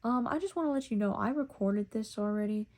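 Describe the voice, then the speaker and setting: A woman's voice: fairly high pitch, brisk, darkish tone. A young woman, about to turn twenty-one, talking into her phone in a casual, rambling vlog, reflective and full of fillers. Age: young adult. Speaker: vlogger.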